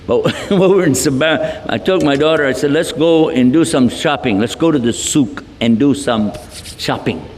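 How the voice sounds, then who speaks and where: A folksy man from Texas gives a humorous public Islamic lecture in a large multipurpose hall, joking and telling stories with asides. His voice is medium-pitched, a little mellow, at normal speed, recorded from a distance with hall reverb and a little hiss or hum.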